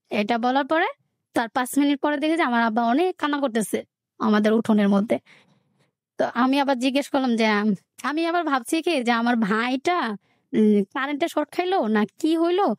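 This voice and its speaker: A woman's voice: sits high, no room sound, studio quality. A young woman from Bangladesh calling in to a radio show, telling a personal life story in plain, colloquial speech and quoting the relatives in it. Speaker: caller sharing a life story.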